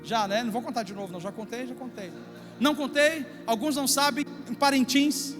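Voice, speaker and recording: A Brazilian pastor preaches from the pulpit, his voice pitched unusually high. He tells the story in an animated way, acting out each scene. The recording carries a long church-hall reverb with faint music in the background. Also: a little fast. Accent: Brazilian Portuguese. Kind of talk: sermon. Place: church sanctuary.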